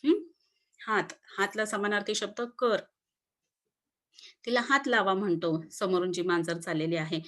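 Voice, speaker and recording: A woman's voice: fairly low pitch, fairly even intonation, moderate pace, fairly bright tone. A woman teacher reading a textbook lesson aloud to children, explaining each word with synonyms and checking in with them often. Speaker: school teacher.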